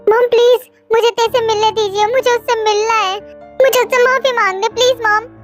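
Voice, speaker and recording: A woman's voice: extremely high pitch, steady tone, moderate pace, music in the background. A woman doing a desperate, pleading young husband.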